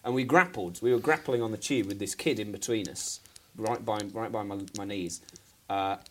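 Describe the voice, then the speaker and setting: A man's voice: lowish voice, moderate pace, a bit bright. A man co-hosting a podcast, telling a long story in a rambling, self-deprecating way and laughing often. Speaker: podcast co-host. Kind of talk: casual storytelling chat.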